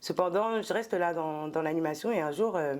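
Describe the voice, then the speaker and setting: A woman's voice: fairly low pitch, a little fast, a little mellow. A middle-aged woman from France, a guest in an interview, talking thoughtfully with many hesitations and fillers. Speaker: guest, entrepreneur and former specialized educator. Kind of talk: casual interview talk.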